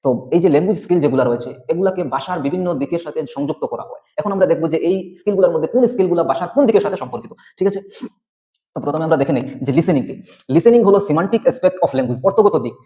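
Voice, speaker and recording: A man's voice: fairly high pitch, lively intonation, quick pace, dark tone, highs cut off. A man teaching an exam-prep lecture, explaining step by step and often checking with the listener. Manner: explanatory, repeats "ঠিক আছে?" checks.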